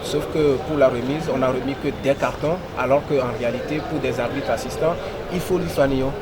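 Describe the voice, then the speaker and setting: A man's voice: medium pitch, steady tone, brisk. Male reporter asking follow-ups outside, a few ums, heavy traffic noise behind. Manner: probing, hesitant fillers. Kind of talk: news interview questions. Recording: outdoor interview with loud street noise. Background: loud street and traffic noise.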